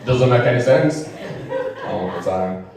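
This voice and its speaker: A man's voice: on the low side, lively intonation, unhurried. A young man doing a stand-up set, chatting and teasing the audience between jokes, with laughter from the crowd. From England. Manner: chatty, rambling, swears, teases the audience. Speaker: stand-up comedian. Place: small comedy venue with a live audience. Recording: echoey room, mic picked up from a distance.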